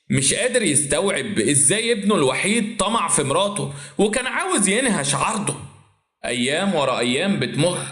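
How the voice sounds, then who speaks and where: A man's voice: fairly high pitch, fairly bright tone, reverberant. A man with an Egyptian Arabic accent telling a dramatic first-person story in an emotional, repetitive style.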